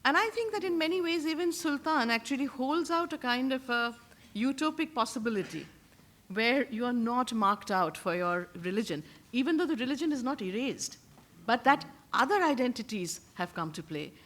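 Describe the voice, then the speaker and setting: A woman's voice: sits high, animated, moderate pace, a bit bright. A woman speaking analytically and without a script as a panellist in a public discussion.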